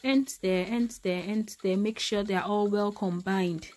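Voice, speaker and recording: This Ghanaian woman vlogs her cooking at home, chatty and warm, calling viewers "my people" and exclaiming over what she makes. Her voice sits at medium pitch, a little mellow, with fairly even intonation and an unhurried pace.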